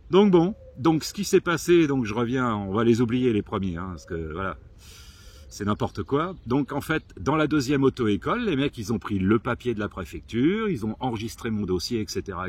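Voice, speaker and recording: A man telling a story to camera in a casual vlog, lively and swearing, acting out the people he quotes. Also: medium pitch, breathy edge. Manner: animated, swearing, acts out quoted exchanges. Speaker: vlogger.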